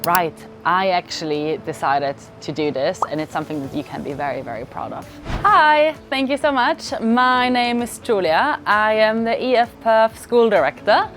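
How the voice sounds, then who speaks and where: A woman's voice: mid-range voice, animated, moderate pace, a bit bright, soft background music. A young adult woman from Austria, a language school director, giving upbeat, chatty promotional interview answers with many fillers.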